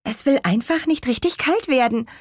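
A woman's voice: high-pitched, moderate pace, no room sound, studio quality, pitched above the performer's own voice. A woman voicing a curious young girl in a children's audiobook. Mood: wondering.

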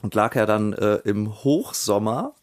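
A middle-aged man chatting casually as a podcast host, telling an anecdote with lively reenactments. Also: on the low side, unhurried, slight background noise. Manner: animated storyteller, acts out scenes with raised voice. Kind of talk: casual chat.

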